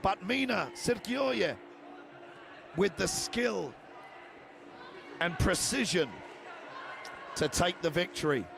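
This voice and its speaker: Gravelly, hoarse man calling a fight. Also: sits high, slow, long pauses, noisy background. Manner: excited, often shouting. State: losing his voice. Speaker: fight commentator. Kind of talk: live sports commentary.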